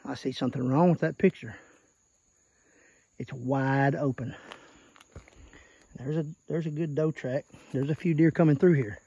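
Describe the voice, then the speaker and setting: Scouting for deer in the woods, an Arkansas hunter with a Southern accent gives tips in a casual outdoor vlog, pointing things out in a plain, folksy way. His medium-pitched voice is warm and husky, fairly even, a little slow, with long pauses. The lo-fi field recording is dry, with faint natural noise.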